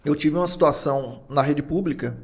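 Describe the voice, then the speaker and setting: A fast-talking man with a gravelly edge to his somewhat high voice tells anecdotes as an interview guest. He is middle-aged and acts out the people he quotes in a lively way, speaking as a teacher and lawmaker recounting classroom clashes. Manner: animated, acts out quoted dialogue in his stories. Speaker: guest teacher and state deputy. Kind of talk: casual interview storytelling.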